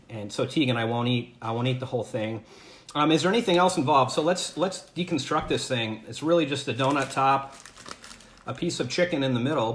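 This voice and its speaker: A man's voice: mid-range voice, a little hiss or hum. Chatty man hosting a home livestream. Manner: chatty and upbeat, thinking aloud with restarts. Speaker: host of a home livestream food tasting. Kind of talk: casual livestream chat. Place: at home, indoors. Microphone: camera or phone mic on a livestream. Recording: echoey room with faint background ambience.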